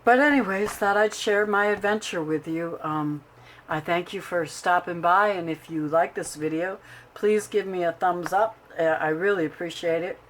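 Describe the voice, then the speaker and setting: A middle-aged woman with a lowish voice chats casually to the camera about her crafts. She tells stories in a lively way and acts out what people said. A faint hiss sits under the recording. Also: moderate pace. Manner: animated storyteller who acts out quotes. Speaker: craft video host. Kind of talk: casual chatty vlog.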